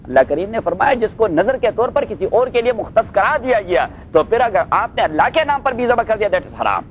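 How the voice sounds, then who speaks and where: A male Islamic scholar giving a Quran commentary class, reciting Arabic phrases slowly, then explaining them and checking with his listeners, with English phrases mixed in. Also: high voice, very animated, lo-fi sound, slight background noise. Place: class in Los Angeles.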